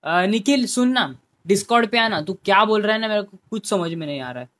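A man's voice: high voice, animated, moderate pace, a bit bright. A young man, chatting casually with viewers by name on his live game stream and pleading with them at times. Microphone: headphone mic.

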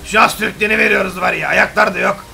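A gravelly, boastful ship captain with a very rough, crackly voice, as a man puts him on. He talks fairly high and sounds bright and tense, with faint music underneath. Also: fairly even intonation, fast talker, full character voice. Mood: grumbling. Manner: boastful, grumbling.

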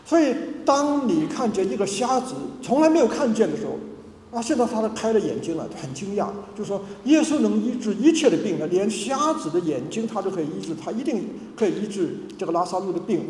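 A man from Hong Kong delivers a sermon in an animated, high-pitched voice that swoops up and down. He speaks emphatically, stumbling into fillers and restarts. The sound carries a long echoing reverb of a church hall. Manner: lively, emphatic preaching with many fillers and restarts. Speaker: pastor.

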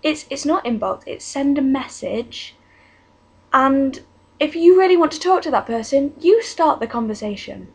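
A woman's voice: sits high, lively intonation, normal speed. A teenage girl, ranting casually in her vlog, exasperated and chatty, recorded on a webcam at home. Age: teens. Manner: exasperated, chatty, many restarts and "like". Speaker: vlogger. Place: bedroom at home.

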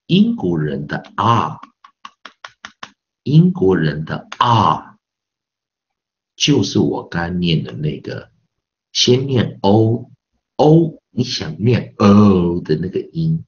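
A man's voice: low voice, very animated, slow pace, dull audio, a little hiss or hum. A man teaching English pronunciation in a recorded online lesson with a Taiwanese Mandarin accent, patiently repeating sounds over and over to demonstrate them.

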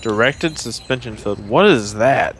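A man's voice: mid-range voice, animated, a little slow, fairly bright tone, slight background noise. Bantering man co-op gaming. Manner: bantering, laughing easily. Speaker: co-op gaming partner. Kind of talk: casual let's play commentary.

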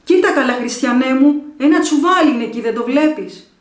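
A woman's voice: a little high, big pitch swings, very echoey, far from the mic. A woman playing an alarmed, insistent village wife. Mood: urgent. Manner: urgent, pleading, exasperated.

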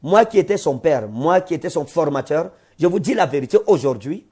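A man, a pastor, giving a slow, solemn sermon testimony with many repeated phrases. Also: on the high side, expressive, warm tone, breathy edge. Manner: slow, solemn preaching with repetitions.

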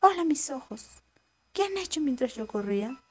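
A shrill, sing-song fox from a storybook, as a woman reader puts her on, scheming and greedy. Her voice jumps high and sharp, yet keeps a mellow, warm tone underneath. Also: sing-song, moderate pace, faint music behind. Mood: questioning.

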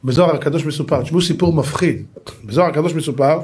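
A man, a rabbi giving a lively sermon and acting out the people in his stories, at times shouting. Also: fairly high pitch. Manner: animated, shouts and acts out voices in the stories.

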